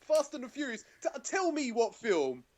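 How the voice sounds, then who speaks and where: A man's voice: very high-pitched, huge pitch swings, normal speed, crowd noise. Laughing London man in casual banter. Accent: London English. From London, England. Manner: laughing, easygoing banter with restarts. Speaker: podcast guest. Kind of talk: casual chat.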